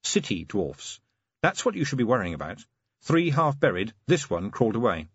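A man's voice: medium pitch, sing-song, normal speed, breathy edge, no echo, dull audio. A man voicing a blunt, bitter young female watch officer in a raised voice. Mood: grim.

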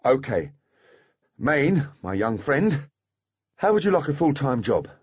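A fretful male centaur tech expert in a storybook, pitched higher and brighter than the narration, as a man puts him on. The voice is husky and full of nervous questions, and the recording sounds a little dull. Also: big pitch swings, a little slow, dry recording. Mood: worried, wry.

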